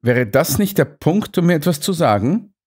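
A man's voice: mid-range voice, big pitch swings, moderate pace, pitched above the performer's own voice. A man voicing an earnest, indignant doctor companion in an audiobook. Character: earnest, put-upon male doctor companion.

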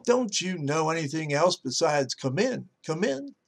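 A man's voice: a little high, big pitch swings, unhurried, vocal fry, full character voice. A man playing a nervous male pastor who calls out into a house. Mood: exasperated.

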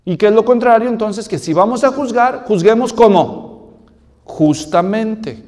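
A man's voice: high-pitched, measured pace, a little mellow, in a large hall. A male pastor preaching a sermon, telling a story and asking rhetorical questions.

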